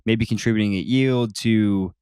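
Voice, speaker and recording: A man's voice: fairly low pitch, normal speed, darkish tone, clear, resonant tone, no room sound, studio quality. A man hosting a podcast, asking friendly, curious follow-up questions. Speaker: podcast host. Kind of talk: interview questioning.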